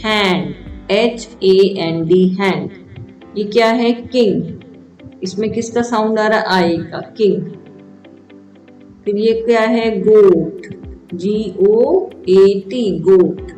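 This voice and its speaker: A woman's voice: mid-range voice, very slow, pauses often, dark tone. A woman teaching a children's English grammar lesson, asking simple questions and spelling each word letter by letter. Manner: spells words out letter by letter, asks and answers own questions. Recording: echoey room, voice from a distance, faint music.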